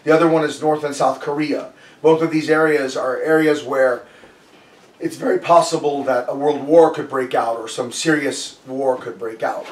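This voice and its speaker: A man's voice: medium pitch, steady tone, normal speed. Man preaching in an echoey hall. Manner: loose and storytelling, with frequent restarts. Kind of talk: conversational sermon. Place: church sanctuary. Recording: echoey room, voice a bit far from the mic.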